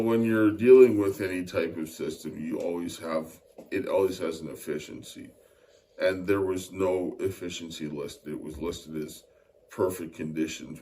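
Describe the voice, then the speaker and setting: Low and warm, the voice belongs to a middle-aged man from Winnipeg, Canada, who is explaining his technical work in an interview. His answers are peppered with hesitant fillers. The mic is distant, catching faint ambient noise.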